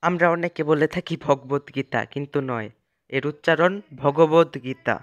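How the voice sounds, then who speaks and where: A man teaching pronunciation in a measured, scripted narration, slowing down to model each word. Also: a little high, fairly bright tone, dull audio.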